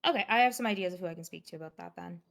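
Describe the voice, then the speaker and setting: A woman roleplaying live in a game takes on the part of a police investigator, a methodical female officer questioning a witness and using lots of fillers. Her lowish voice comes out rapid-fire, gravelly, and a bit bright.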